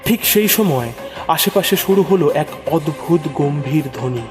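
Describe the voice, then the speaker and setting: A man with a fairly high, lively voice narrates a first-person horror story at normal speed, suspenseful and theatrical, repeating phrases for dramatic effect. He narrates horror audio stories, and long reverb hangs over prominent background music.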